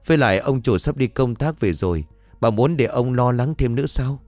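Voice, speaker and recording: A man's voice: mid-range voice, expressive, brisk, darkish tone, dry recording, faint music behind, natural voice. A male narrator voicing a loyal middle-aged maid who fusses and reassures her employer, in a dry storybook reading. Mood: fussing, reassuring. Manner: fussy, reassuring.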